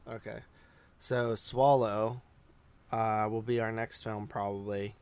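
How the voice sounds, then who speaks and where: A podcast co-host talks through movies slowly in a low, darkish, clean-toned voice with little pitch movement. The conversation is a casual film review, his phrasing loose and repeatedly circling back.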